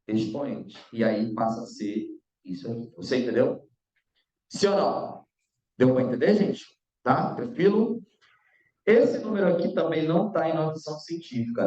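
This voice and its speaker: In an online exam-prep lecture, a man with a mellow, mid-range voice teaches math casually and keeps checking in with his students. The recording sounds echoey, distant and dull, like a lo-fi room.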